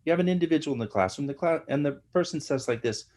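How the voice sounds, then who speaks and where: A middle-aged American man, an academic guest, explains ideas in an animated lecturing way, often tagging his points with "right?". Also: a little high, fast. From United States. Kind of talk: explanatory interview talk.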